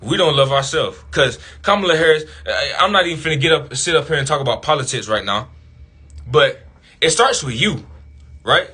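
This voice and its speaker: A man's voice: a little high, expressive, a little fast, bright, forceful tone, breathy edge. A man delivering an impassioned monologue to his viewers, preaching and firing rhetorical questions at them. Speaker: commentator.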